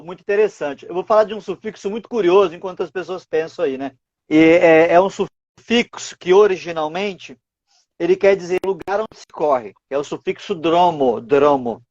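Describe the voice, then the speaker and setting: A man's voice: high-pitched, normal speed, a little mellow, no echo, highs cut off. A man, a writer and teacher, explaining word origins as a guest on a live stream, posing rhetorical questions as he goes. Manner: didactic, asks rhetorical questions.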